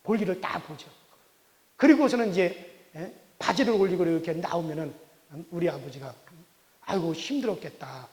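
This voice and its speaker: A man's voice: high voice, fairly quick, a little mellow. A middle-aged male pastor preaching a sermon, telling a childhood story in a folksy way, often checking in with his listeners. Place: church sanctuary. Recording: long church hall reverb.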